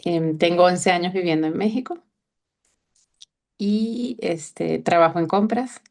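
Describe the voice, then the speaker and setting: A woman's voice: fairly low pitch, unhurried, creaky. A woman in her thirties from Venezuela, introducing herself hesitantly in a group session. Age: 30s. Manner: hesitant, with fillers and soft laughs. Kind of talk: personal introduction.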